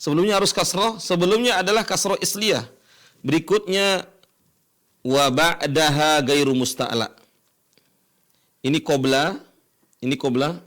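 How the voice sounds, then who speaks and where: Slow-speaking male Quran teacher. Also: fairly high pitch, fairly bright tone. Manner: explains step by step, asks and answers his own questions; chants Quranic examples slowly in recitation voice. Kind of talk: educational lesson explaining tajwid rules.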